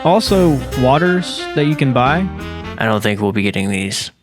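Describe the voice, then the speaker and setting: A man's voice: mid-range voice, lively intonation, normal speed, music in the background. A man hosting a casual hotel review vlog, talking in an upbeat, jokey way. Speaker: vlogger and host.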